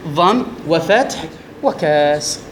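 A man's voice: a little high, expressive, slow pace, slight background noise. A man giving a grammar lecture to students, asking questions and answering them himself as he explains. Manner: explains by posing and answering his own questions, addressing students as brothers. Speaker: Arabic grammar teacher. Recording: echoey room.

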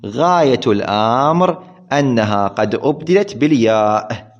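A man's voice: medium pitch, animated, unhurried. Man teaching grammar, repeating himself. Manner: repeats key words, asks questions and answers them himself. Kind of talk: classroom lesson explaining a text. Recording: dull lo-fi recording.

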